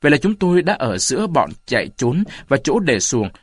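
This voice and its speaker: A man narrating a story aloud in an expressive reading style. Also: a little high, a little fast, breathy edge, no echo. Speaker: audiobook narrator.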